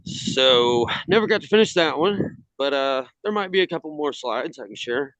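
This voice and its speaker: A man on a video call from outdoors in the cold, casually presenting his hobby work in a halting way. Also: medium pitch, lively intonation, fairly bright tone, dry recording. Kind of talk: casual slideshow talk. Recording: slightly dull video-call audio.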